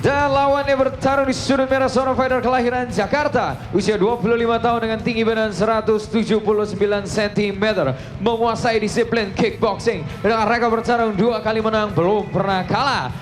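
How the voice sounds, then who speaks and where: Male fight-night ring announcer, high voice, lucha libre-style showman delivery with drawn-out names, loud music behind. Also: steady tone.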